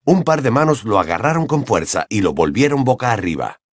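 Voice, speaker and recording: Expressive male audiobook narrator. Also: mid-range voice, brisk, no echo, studio quality. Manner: expressive, dramatic reading. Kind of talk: scripted narration.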